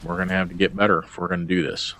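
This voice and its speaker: A man's voice: sits low, level tone, very fast, sharp tone. A man recording a casual video log about his game stats, rambling and hesitant with plenty of ums and uhs. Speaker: gamer vlogger.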